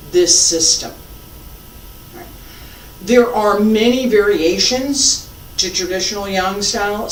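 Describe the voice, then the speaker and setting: Casting: mature tai chi teacher, slow calm cues, recorded from a distance in a reverberant room. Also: medium pitch. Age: middle-aged or older. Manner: calm, unhurried, sparse instructional phrasing. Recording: echoey room, distant mic, faint noise.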